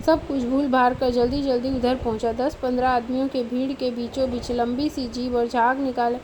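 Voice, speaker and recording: High-voiced woman audiobook reader. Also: flat delivery, normal speed, noisy background. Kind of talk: audiobook narration.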